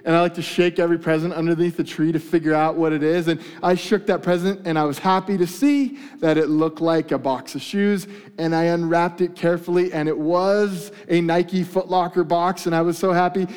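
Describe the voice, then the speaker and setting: High, smooth-voiced man teasing a crowd. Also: fairly even intonation, brisk, hardly any pauses, darkish tone. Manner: playful, teasing the audience. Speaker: speaker addressing a live audience. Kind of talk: lively storytelling talk to a crowd. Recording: long hall reverb.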